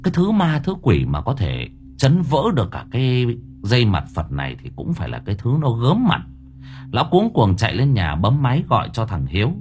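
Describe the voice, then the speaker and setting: A man narrating a horror story in a dramatic, expressive way. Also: mid-range voice, fairly quick. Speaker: audiobook narrator.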